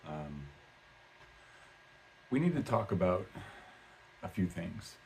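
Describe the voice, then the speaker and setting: A man's voice: low-pitched, sing-song, slow, darkish tone, slight background noise. A man talking casually in a vlog about learning a language, rambling with lots of "um" and "uh" and restarting his sentences. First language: English. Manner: rambling, many fillers and restarts.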